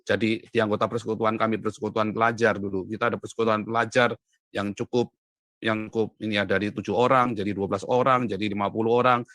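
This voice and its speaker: In an interview, a man from Europe recounts his life as an evangelist, calling the host "Pak" as he speaks. His voice is bright and forceful, quick and mostly level, but he leans hard on key words, his pitch and volume jumping sharply when he presses a point. The recording is dry and close, with no room sound.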